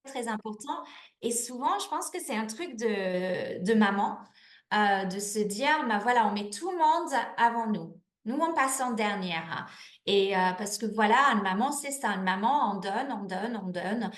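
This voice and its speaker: A woman in her thirties, a network marketing manager appearing as a guest, answers interview questions in a chatty, candid way with many restarts and fillers. Her medium-pitched voice is expressive and measured, and the room is echoey.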